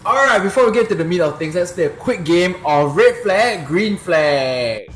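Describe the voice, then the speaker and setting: A man's voice: high-pitched, expressive, moderate pace, a bit bright, soft background music. A man, hosting a casual group discussion in a playful way. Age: 20s. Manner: playful, drops into mumbles and laughs. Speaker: host.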